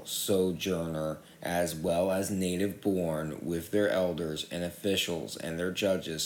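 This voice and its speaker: A man with a very low voice reads scripture aloud at an unhurried pace. His delivery is measured and steady. The sound carries a noticeable room echo. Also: a little hiss or hum. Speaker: scripture reader. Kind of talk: public Bible reading.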